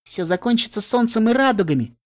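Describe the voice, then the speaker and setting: A man reading a fan audiobook, voicing a cheerful female pony with a high, sing-song delivery. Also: animated, a little fast. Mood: cheery. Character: cheerful female pony, bubbly party girl.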